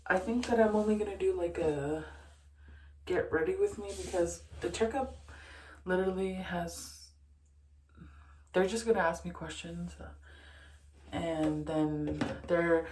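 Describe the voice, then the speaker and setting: A young woman talks casually to her camera, a little out of breath and slightly low-pitched. She rambles and restarts her sentences, trailing into fillers. The sound carries a noticeable room echo. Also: a little mellow, a little hiss or hum. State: short of breath. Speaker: vlogger. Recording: echoey room.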